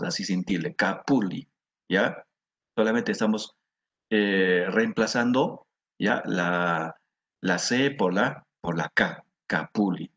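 Slow husky Peruvian teacher. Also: male voice, on the low side, fairly bright tone, highs cut off. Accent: Peruvian Spanish. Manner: slow, repeats words for students to echo. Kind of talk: classroom lesson.

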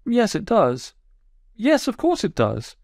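A man doing a high, sulky male toad. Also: wildly swooping pitch, takes it slowly, darkish tone, no room sound, clean studio sound, full character voice. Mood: plaintive. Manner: sulky, wounded, plaintive. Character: self-pitying, touchy male toad, proud.

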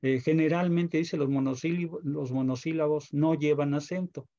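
A man's voice: fairly high pitch, fairly even intonation, moderate pace, mellow. A man with a Mexican accent teaching an online class, patient and checking understanding with questions. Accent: Mexican Spanish. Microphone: video call. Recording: dull video call audio.

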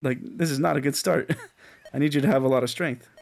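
A man's voice: medium pitch, a little fast, creaky, a little mellow, faint music behind. A man giving casual gameplay commentary as a let's play host, rambling with lots of fillers and frequent laughter.

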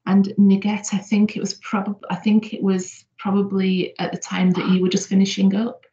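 A woman's voice: medium pitch, normal speed, highs cut off. A woman chairing a webinar on a video call, steadily reading out a question from the chat. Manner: steady, frequent backchannel agreement. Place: home room on a video call.

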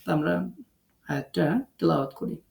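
A man's voice: fairly high pitch, fairly even intonation, a little fast, gravelly, a little mellow, roomy sound. A man from Bangladesh teaching an online tajweed lesson as a Quran recitation teacher. He breaks words into syllables and draws out the recited sounds.

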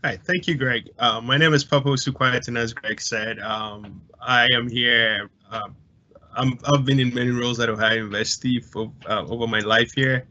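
A man introducing himself on a panel over a video call, halting with many fillers and restarts. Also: medium pitch, fairly even intonation, bright, forceful tone. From Ghana. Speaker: panelist, IT staff. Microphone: video call webcam. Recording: muffled video-call audio.

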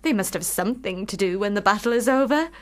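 An actress in a period radio drama playing a lovelorn, sharp-witted sister, speaking with formal, deliberate, cutting irony. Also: female voice, medium pitch, lively intonation, natural voice. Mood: wounded, insistent. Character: Charlotte Brontë, scornful, lovelorn, sharp-witted sister of failed poet.

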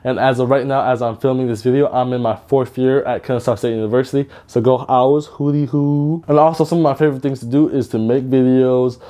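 Warm and medium-pitched, this Georgia man in his twenties talks a little fast with fairly even intonation and few pauses. Sitting indoors in a bedroom with lit shelves, he chattily introduces his YouTube channel to camera, upbeat, slangy and repetitive.

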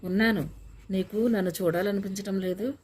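A woman's voice: medium pitch, fairly even intonation, normal speed, darkish tone, slightly rough, natural voice. A woman reading a shy young fiancé. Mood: coaxing. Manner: hesitant, then coaxing. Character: young man, shy then eager fiancé. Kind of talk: audiobook character reading.

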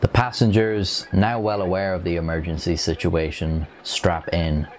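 Deep-voiced young man narrating gravely. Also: flat delivery, background noise. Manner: measured, grave storytelling. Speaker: documentary narrator. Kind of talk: scripted narration. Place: dark studio set. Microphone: lapel mic.

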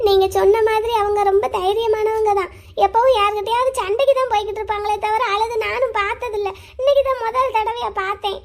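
A woman voicing a soft-hearted young woman in a cartoon who sounds earnest and close to tears. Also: very high-pitched, fairly even intonation, fast talker. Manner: earnest, pleading, tearful. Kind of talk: cartoon voice acting.

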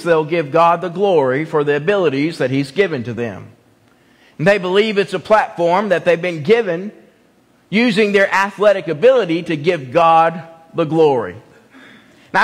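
A man's voice: high voice, lively intonation, normal speed. A man preaching an evening sermon, emphatic, repeating key phrases and putting questions to the congregation. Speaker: pastor. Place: church sanctuary. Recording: long church reverb.

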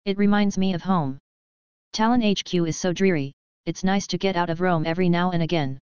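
A woman's voice: on the low side, fairly quick, a little mellow, clean tone, dry recording, highs cut off, natural voice. A woman voicing a big, boisterous male mercenary with jokey, overfamiliar, menacing charm, in an audiobook story. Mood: breezy menace.

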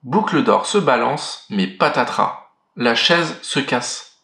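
A man reading a children's story aloud, clear and expressive. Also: medium pitch, takes it slowly. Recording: roomy echo.

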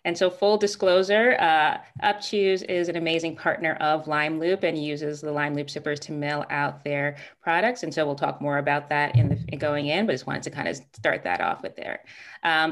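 A woman's voice: deep voice, brisk. A woman in her thirties hosting a podcast interview over a video call, upbeat and encouraging. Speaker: podcast host. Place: indoors, plain wall behind. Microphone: webcam on a video call.

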